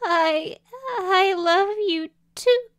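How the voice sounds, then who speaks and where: A woman voicing a broken, dying young man who pleads through tears in a high whimper. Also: extremely slow, no echo, studio quality, heavily acted. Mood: tearful pleading.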